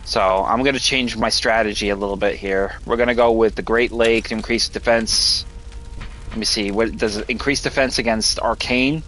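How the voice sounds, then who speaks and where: A man's voice: on the low side, fairly even intonation, moderate pace, a bit bright, soft background music. A man streaming a video game, giving live commentary while frustrated, swearing often and stumbling over restarts. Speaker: gameplay streamer.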